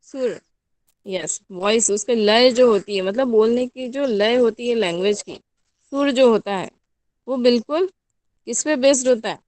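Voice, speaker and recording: A woman's voice: on the high side, measured pace, darkish tone, no room sound. Indian woman teacher lecturing a class. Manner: explains in mixed Hindi and English, asks the class questions. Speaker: college teacher.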